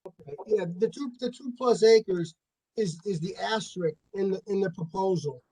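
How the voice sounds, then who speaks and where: A man's voice: high voice, moderate pace, warm tone, husky, low-quality recording. A man presenting zoning regulations over a video call, his audio cutting in and out and his volume uneven, often repeating words as he explains. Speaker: staff planner presenting a zoning text change. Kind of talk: explaining regulations at a public meeting.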